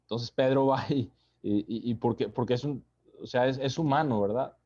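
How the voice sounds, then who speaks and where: A man giving a conversational Bible study sermon, unhurried, often checking in with listeners through tag questions. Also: medium pitch, a little mellow, muffled recording.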